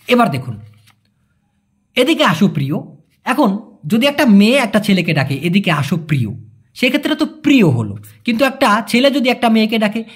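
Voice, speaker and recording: A man teaching a language in a casual lesson. He repeats phrases slowly and then explains them quickly, answering viewers' questions. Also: high-pitched, breathy edge.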